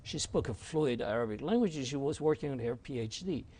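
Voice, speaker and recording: A man from Argentina whose first language is French, a rabbi recounting his experiences at an unhurried pace as an interview guest. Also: medium pitch, lively intonation, dark tone. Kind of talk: reflective storytelling.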